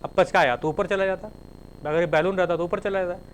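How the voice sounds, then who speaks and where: A man's voice: high-pitched, fairly even intonation, brisk, slight background noise, rough recording. Man teaching, spelling terms letter by letter. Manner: spells terms letter by letter, explains with everyday examples. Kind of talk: classroom lecture.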